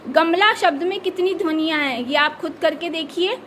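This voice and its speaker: A woman's voice: very high-pitched, moderate pace, a bit bright, slight background noise. A woman teacher, patiently explaining a grammar lesson to children and answering her own questions. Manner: patient, repeats key words, asks and answers own questions. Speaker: school teacher.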